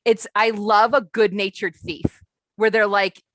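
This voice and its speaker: A woman's voice: medium pitch, flat delivery, a little slow, fairly bright tone, dry recording. A woman co-hosting a casual film podcast, gushing and rambling with lots of "like". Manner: gushing, rambling, many likes. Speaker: podcast co-host. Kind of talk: casual chat.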